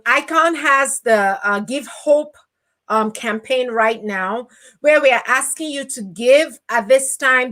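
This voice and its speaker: A woman's voice: high voice, fairly bright tone. A woman with a Nigerian accent hosting a podcast interview, making appeals to listeners with frequent ums. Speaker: podcast host.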